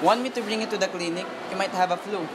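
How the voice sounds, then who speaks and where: A man's voice: sits high, fairly even intonation, fast talker, lightly acted. Teen boy playing a coaxing, scheming schoolboy, noisy. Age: teens. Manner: calculating, coaxing. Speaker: student bargaining with a friend. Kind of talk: student short film acting. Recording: loud background noise.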